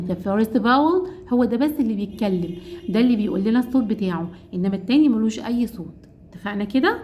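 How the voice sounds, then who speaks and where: A woman with an Egyptian Arabic accent runs a phonics lesson at a quick clip, her voice pitched a little high. She keeps checking in with "okay?" and stretches out each vowel sound. The recording sounds dull and lo-fi. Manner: asks and answers her own questions, checks with "okay?". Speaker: English phonics teacher. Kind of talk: explaining a phonics lesson to mothers.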